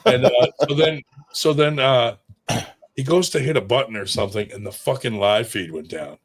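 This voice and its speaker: A man's voice: mid-range voice, normal speed. Rambling, profane man telling stories. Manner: rambling and profane, with many fillers. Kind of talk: casual storytelling chat.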